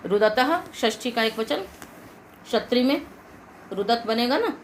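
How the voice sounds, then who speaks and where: A woman's voice: on the high side, lively intonation, unhurried, a little hiss or hum, rough recording. Woman teaching Sanskrit grammar in Hindi. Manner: patient, asks the class questions and answers them herself. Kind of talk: explaining grammar rules in a lesson.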